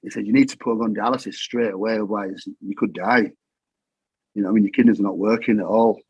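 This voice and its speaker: In casual storytelling as a guest, a middle-aged Englishman with a Yorkshire accent speaks plainly and matter-of-factly, often repeating himself. His voice is lowish, husky and steady, he talks fast, and the recording is dry and lo-fi.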